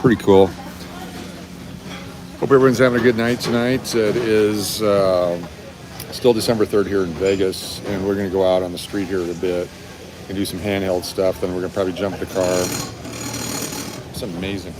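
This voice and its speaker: With little pitch movement, a moderate pace, and frequent pauses, a man in his fifties casually hosts a live stream, drifting into mild rambling. He's indoors at a busy restaurant, recorded on a phone at arm's length amid background chatter and rumble.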